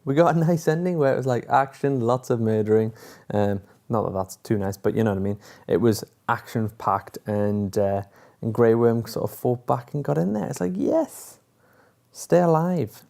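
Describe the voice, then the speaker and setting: Man vlogger, low and mellow voice, loose and jokey, fillers everywhere. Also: steady tone, normal speed. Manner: chatty and joking, with many fillers. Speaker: TV episode reviewer. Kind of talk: casual chat to camera.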